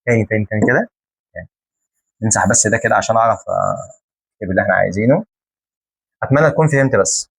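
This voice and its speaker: A man with an Egyptian Arabic accent teaching a French lesson in a lively, joking way, repeating words slowly to drill them. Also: on the low side, creaky, breathy edge.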